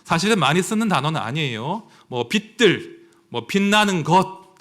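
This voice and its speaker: A man preaching a sermon as pastor, emotional and conversational, dropping to hushed asides and rising to outcries, reading scripture aloud in a louder formal voice. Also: a little high, big pitch swings, normal speed. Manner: conversational, asks the congregation for agreement.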